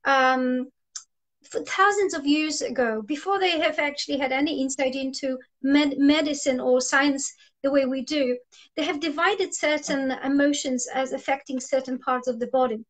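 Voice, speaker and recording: A woman coach talks through her ideas as an interview guest, earnest and explanatory. Her voice sits high, and she often restarts her sentences as she works out how to say things. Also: normal speed, poor audio. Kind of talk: conversational interview.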